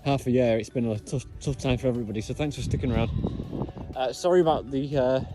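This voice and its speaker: A young Englishman rambles through his travel vlog in an easy, middle-pitched voice, full of little fillers. He is walking outdoors and speaking into a camera mic. Music plays clearly underneath him. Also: fast talker. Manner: chatty, loose, full of fillers. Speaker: travel vlogger. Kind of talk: casual outdoor vlog chat. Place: outdoors in a grassy field. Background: background music.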